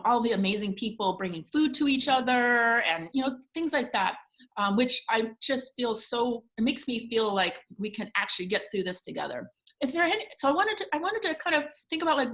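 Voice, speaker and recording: A woman hosting an online panel over a video call, chatty and excited, with frequent ums and restarts. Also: a little high. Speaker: host and organizer.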